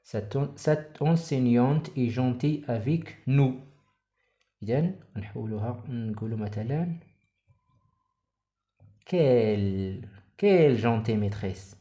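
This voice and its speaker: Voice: mid-range voice, expressive, measured pace, long pauses, dark tone. A teacher with a Moroccan accent giving a primary school French lesson, reading example sentences aloud and explaining them in Darija. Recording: echoey room.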